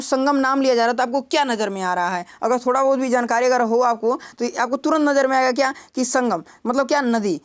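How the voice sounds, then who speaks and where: A man's voice: very high voice, smooth. A young man teaching an exam-prep history lesson, explaining step by step, asking rhetorical questions and checking in with "ठीक है" again and again. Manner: explanatory, repeats "ठीक है" and "दोस्तों" constantly; builds memory tricks with rhetorical questions.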